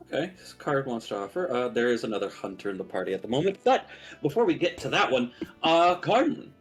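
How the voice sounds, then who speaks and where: A man running a tabletop game as game master, questioning the players in a relaxed way. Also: medium pitch, fairly quick, soft background music. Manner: lively, asks players questions.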